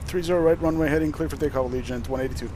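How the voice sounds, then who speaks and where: A man making brisk, clipped pilot radio readbacks into a cockpit headset microphone. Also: on the high side, noisy background. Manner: brisk, clipped aviation phrasing. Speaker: flight sim streamer flying online.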